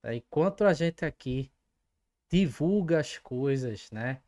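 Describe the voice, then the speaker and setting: A woman's voice: deep voice, darkish tone. A woman hosting a fan channel, commenting emphatically and with indignation, speaking straight to her viewers. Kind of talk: opinionated commentary vlog.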